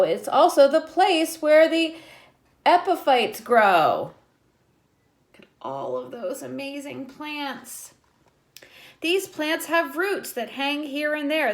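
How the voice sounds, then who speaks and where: This woman's voice sits high as she reads a children's picture book like a classroom teacher. Her delivery is expressive, punctuated by quick explanatory comments aimed at young listeners.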